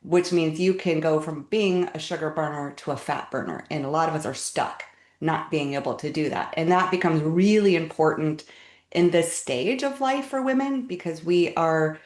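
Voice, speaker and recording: A middle-aged woman guest who explains health topics step by step in a relaxed, casual way, often repeating words as she goes. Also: sits low. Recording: echoey room.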